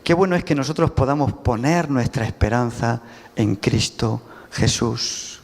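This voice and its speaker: A man's voice: medium pitch, unhurried, vocal fry. A man with a Spanish accent preaching a sermon, emphatic and putting rhetorical questions to the congregation. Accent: Spanish from Spain. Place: church sanctuary. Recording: reverberant church hall with faint music.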